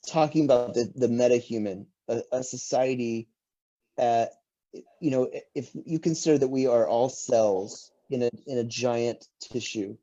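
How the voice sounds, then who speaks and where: A man's voice: medium pitch, mellow, lo-fi sound. A man hosting a casual interview over a video call, speaking hesitantly and often restarting his phrases. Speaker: interview host.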